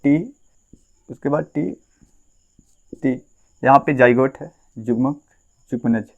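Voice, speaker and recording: A man's voice: mid-range voice, takes it slowly, gravelly, highs cut off. A man teaching a class, asking questions and answering them himself, repeating key terms. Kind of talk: classroom lesson at a board.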